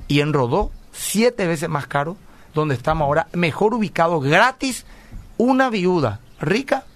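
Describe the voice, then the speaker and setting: A man's voice: fairly high pitch, animated, moderate pace. Middle-aged man, radio pastor answering listeners, slightly raised voice, earnest storyteller. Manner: earnest storytelling, often asks "¿verdad?". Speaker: pastor and radio program host. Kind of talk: radio call-in talk, answering listener messages.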